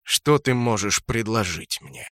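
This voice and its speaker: A man voicing a calm, menacing male dark elf god who speaks slowly and coldly. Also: lowish voice, dry recording, clean studio sound, full character voice. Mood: cold, commanding. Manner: slow, cold and commanding.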